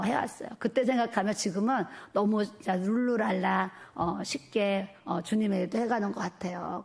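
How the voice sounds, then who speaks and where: A middle-aged woman pastor preaching a sermon in a church, emphatic and animated, with many repeated fillers. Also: fairly high pitch, gravelly. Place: church sanctuary.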